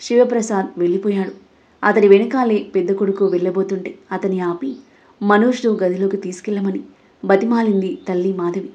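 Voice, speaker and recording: Mellow-voiced woman narrating a story. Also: mid-range voice, lo-fi sound.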